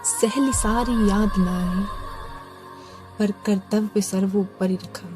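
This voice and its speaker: Woman reading devotional poetry real slow, big swells then hushed refrains, soft music under it. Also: medium pitch. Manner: expressive, swells and drops to soft near-whispers on refrains. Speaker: poetry reciter. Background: faint background music.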